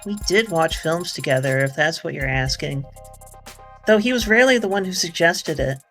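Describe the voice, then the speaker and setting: Gentle earnest android girl. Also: low-pitched, lively intonation, normal speed, faint music behind. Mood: candid. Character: polite naive female android companion.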